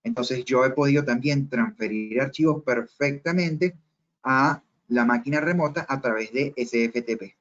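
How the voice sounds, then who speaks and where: A man teaching a screencast tutorial, explaining each step and speaking straight to the viewers. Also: medium pitch. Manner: explains step by step, often addressing viewers directly. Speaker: instructor. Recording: dull lo-fi recording.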